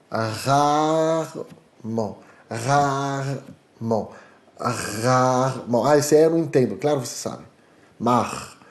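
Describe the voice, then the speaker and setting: A man's voice: mid-range voice, roomy sound. A man from Paris with a French accent, teaching a French lesson in Portuguese and often checking in with "tá?". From Paris, France. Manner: animated, repeats "tá?" to check understanding. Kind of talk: online language lesson.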